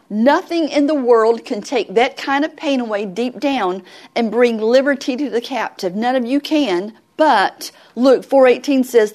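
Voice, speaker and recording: Southern woman, middle-aged, folksy ministry teacher, slightly high voice, plain earnest delivery. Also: darkish tone. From Southern United States.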